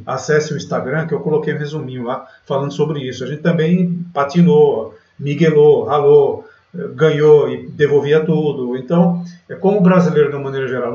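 A man's voice: medium pitch, darkish tone. Chatty man on a roomy lo-fi mic. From Brazil. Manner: chatty, filler-heavy, keeps saying "galera" and "né". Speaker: day trading channel host. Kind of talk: screen-share market commentary. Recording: roomy, distant, dull lo-fi mic.

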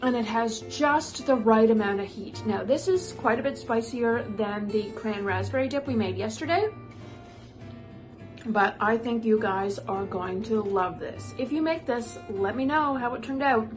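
A fairly high-voiced woman talks through a recipe in a chatty, upbeat way, speaking straight to her viewers as friends. Clear background music plays under her voice the whole time. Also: measured pace. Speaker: cooking channel host. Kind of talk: casual cooking tutorial.

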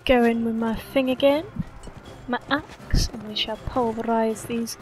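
A woman's voice: fairly high pitch, steady tone, measured pace, a little mellow, faint music behind. Playful woman narrating gameplay. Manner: playful, swears cheerfully, hums along. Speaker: gaming channel host. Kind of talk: casual gameplay commentary.

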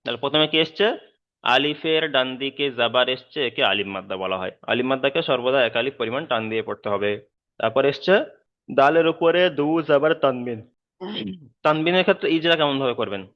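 A man teaches Quran reading, chanting Arabic letter spellings slowly in a sing-song drill. His voice is smooth and resonant at a middle pitch. The recording sounds somewhat dull and muffled.

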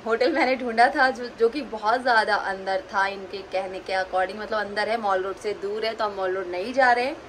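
A woman's voice: mid-range voice, a little fast, hardly any pauses, a bit bright, a little hiss or hum, rough recording. A young woman casually narrating a travel vlog to her phone camera as she walks through a hotel and night streets. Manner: chatty, narrating to camera while walking. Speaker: vlogger. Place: hotel room and night streets of a hill town. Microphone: phone held at arm's length. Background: background music.

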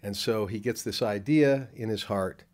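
Older man, low voice, halting. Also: a little mellow. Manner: hesitant, many fillers and restarts. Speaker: film producer. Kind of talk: interview answer. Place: convention room before a poster wall. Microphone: handheld mic held by the interviewer.

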